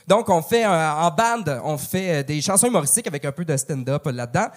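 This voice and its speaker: A man, a guest comedian on a podcast, giving playful deadpan answers. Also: fairly high pitch, a little fast. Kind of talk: casual podcast chat.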